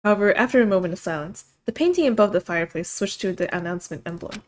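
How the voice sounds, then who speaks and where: A woman casually narrating a visual novel and reading its characters aloud, with playful, excitable reactions. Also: medium pitch, fast.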